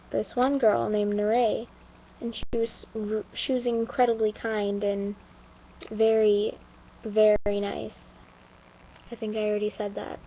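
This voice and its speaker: Slow-talking teen girl, somber and halting. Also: mid-range voice, slight background noise. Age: teens. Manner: slow, halting, with many fillers and restarts; somber and earnest. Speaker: vlogger. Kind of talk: personal story told to camera. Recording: dull lo-fi home recording.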